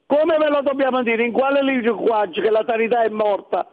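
A man's voice: extremely high pitch, steady tone, brisk. A man from southern Italy calling in to a radio show over a phone line, talking insistently and repeating himself. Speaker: caller.

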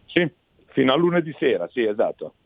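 A man from Savona heard over a phone line, a newly elected regional councillor answering a live radio interview in a measured, halting way with frequent hesitations. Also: medium pitch, big pitch swings, slightly rough. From Savona, Liguria. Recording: tinny, dry phone line.

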